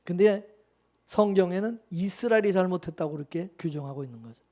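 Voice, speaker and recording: A man's voice: sits high, expressive, fairly quick, mellow. A man preaching a sermon as the pastor, in a loose conversational way, constantly throwing questions back at the congregation. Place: church.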